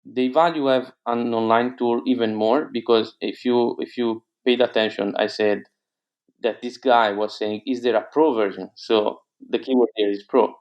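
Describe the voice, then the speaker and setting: Speaking steadily at a moderate pace, this mid-range, darkish male voice belongs to an entrepreneur being interviewed casually, and the audio is dull. Italian is his first language, audible in his accent, and he hesitates, restarting often amid fillers.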